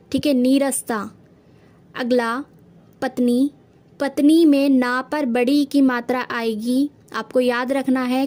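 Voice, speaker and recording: High-voiced woman teaching Hindi spelling. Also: darkish tone. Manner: patient, step-by-step explaining, addresses students as children. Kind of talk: spelling lesson for students.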